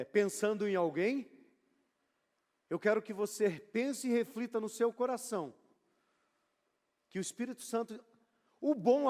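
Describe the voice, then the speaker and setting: A pastor, reading scripture and explaining it with casual asides in a sermon. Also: male voice, high-pitched, darkish tone. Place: church sanctuary. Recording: long church hall reverb.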